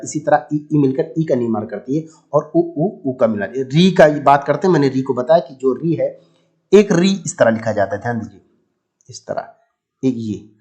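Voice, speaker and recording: A man's voice: mid-range voice, expressive, moderate pace, a little mellow. A man teaching Hindi grammar in an exam-prep lesson, explaining patiently, repeating himself and sounding out vowels for viewers he calls friends.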